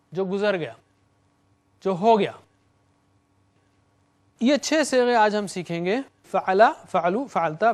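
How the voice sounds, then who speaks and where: A man teaching Quranic Arabic grammar in a slow, patient classroom lecture, repeating each form and adding light humor. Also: high voice. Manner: explains slowly, repeating words with hand gestures.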